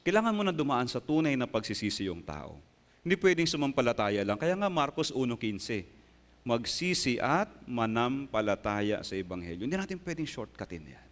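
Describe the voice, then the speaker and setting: A man's voice: very animated, normal speed, fairly bright tone. Man preaching in a reverberant church. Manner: earnest preaching, rises to emphatic high bursts; asks the congregation rhetorical questions. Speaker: pastor. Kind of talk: sermon. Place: church hall. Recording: long hall reverb.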